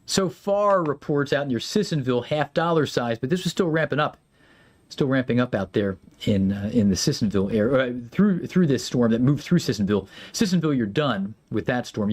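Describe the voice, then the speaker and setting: A male meteorologist gives live commentary on severe weather, speaking conversationally with lots of fillers and lively pitch swings.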